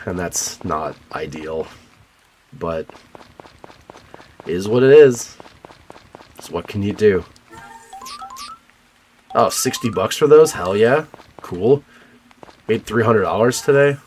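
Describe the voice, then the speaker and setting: A man hosting a let's play, chatting casually and haltingly with lots of fillers and restarts, offhand and a bit profane. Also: sits low, a little hiss or hum. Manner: rambling and hesitant, many fillers and restarts. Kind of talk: casual gameplay commentary.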